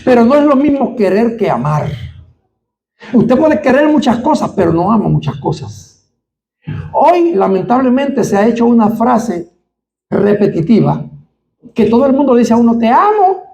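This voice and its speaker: A man with a Puerto Rican Spanish accent preaching a sermon, speaking straight to his congregation with rhetorical questions and building to fervent, near-shouted peaks. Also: extremely high pitch, big pitch swings, moderate pace, gravelly. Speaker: pastor.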